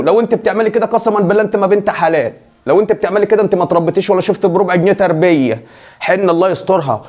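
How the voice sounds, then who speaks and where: Man, Egyptian Arabic accent, rapid preachy scolding, fairly high voice, comedy sketch host. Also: a little mellow, muffled recording. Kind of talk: comedy sketch and lecturing viewers.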